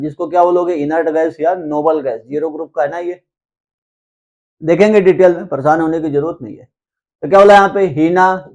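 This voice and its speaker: A male chemistry teacher giving a classroom lecture. He keeps asking rhetorical questions and slows down to repeat memory tricks, speaking informally and reassuringly to his students. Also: on the high side, a little mellow. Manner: repeats rhetorical questions and drills mnemonics slowly.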